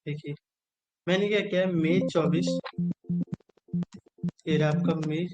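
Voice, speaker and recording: A man's voice: a little high, steady tone, measured pace, highs cut off, loud music behind the voice. A man teaching an exam-strategy lesson, repeating key phrases again and again in a coaxing way. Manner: repetitive, drilling phrases over and over, coaxing.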